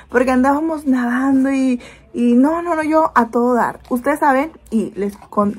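A woman's voice: on the high side, breathy edge. A woman, chatting in a casual product review and telling stories animatedly with many fillers. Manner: animated storytelling with lots of fillers. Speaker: beauty product vlogger.

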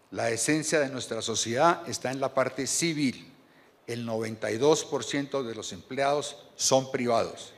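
A man, reading a measured and earnest formal speech from notes at a podium microphone in a large banquet hall. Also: mid-range voice. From Colombia. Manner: measured and earnest, reads from paper with small restarts. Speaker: board chairman giving a speech. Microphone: podium microphone on a stand.

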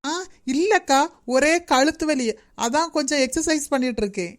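A woman voicing a teasing, sharp-tongued female relative in a cartoon. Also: sits high, animated, moderate pace. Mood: sarcastic. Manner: sarcastic and teasing. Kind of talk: cartoon voice acting.

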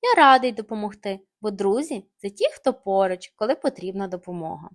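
A woman's voice: medium pitch, lively intonation, fairly quick, close to an everyday voice. A woman voicing a cheerful, brave little boy tractor in a bedtime storybook, eager and exclaiming.

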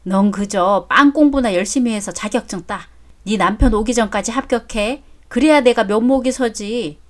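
A woman's voice: fairly high pitch, normal speed, lightly acted. A woman putting on a brash greedy mother-in-law. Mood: softened. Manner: blunt, scolding, coarse. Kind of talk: story drama read aloud.

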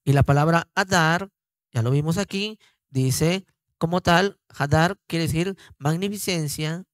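An older man teaching scripture informally, slow and deliberate, repeating words as he explains them. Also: fairly high pitch, no room sound. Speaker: Bible teacher.

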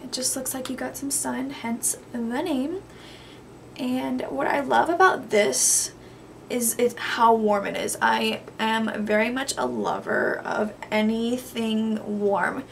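A woman's voice: a little high, lively intonation, slow pace, creaky, sharp tone, slight background noise. A young woman doing a chatty, gushing makeup tutorial vlog, sounding a little tired. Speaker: beauty vlogger.

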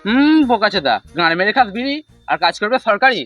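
A man's voice: sits high, animated, fast, bright, forceful tone, lo-fi sound, soft background music. A young man playing a lazy jobless village lad in a comedy sketch, swearing and bickering.

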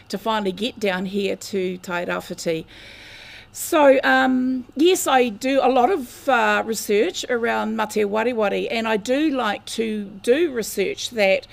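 At a lectern mic in an indoor community meeting room, an older researcher with a croaky, medium-pitched voice and a New Zealand accent gives an earnest public talk as a guest speaker. Her delivery is measured, and she opens with long greetings in Māori.

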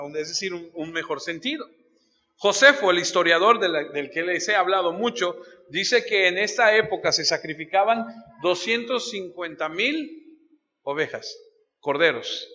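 A man's voice: high voice, expressive, moderate pace, pushed and bright. A man preaching a sermon as a pastor, telling stories and putting questions straight to his listeners. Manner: storytelling, addresses listeners directly with questions. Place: church. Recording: dull lo-fi sound with long church hall reverb.

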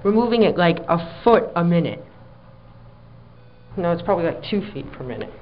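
With a high, expressive voice at a moderate pace, a man narrates casually into his handheld camera while filming an elevator ride. His commentary inside the cramped car is dry and exasperated, recorded as dull lo-fi camera audio with faint hum.

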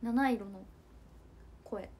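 A woman's voice: a little high, drawn-out words, darkish tone, a little hiss or hum. A young woman hosting a casual livestream, chatting with viewers and reading comments in a bubbly, giggly way. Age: young adult. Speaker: idol livestream host.

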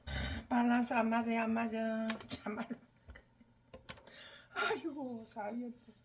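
A woman's voice: on the high side, steady tone, measured pace, slight background noise. Chatty older woman with a Gyeongsang accent. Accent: Gyeongsang Korean. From Gyeongsang region, Korea. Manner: chatty, teasing, laughs often, drops to soft murmurs. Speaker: vlogger, home caregiver. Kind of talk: casual morning chat to camera. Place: home, at the table with coffee.

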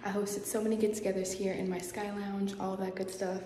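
A woman's voice: medium pitch, flat delivery, dark tone. A young woman, chatting casually as she films a tour of her empty apartment on a handheld phone. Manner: chatty, quick, casual, repeats "here goes". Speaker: vlogger. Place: empty apartment with bare hard floors. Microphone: handheld phone camera at arm's length. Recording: echoey empty rooms, noisy.

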